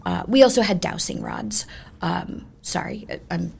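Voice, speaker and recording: Creaky-voiced woman telling ghost stories. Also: on the low side, normal speed, slight background noise. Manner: animated, chatty, emphatic. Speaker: ghost tour guide, interview guest. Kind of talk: conversational ghost storytelling.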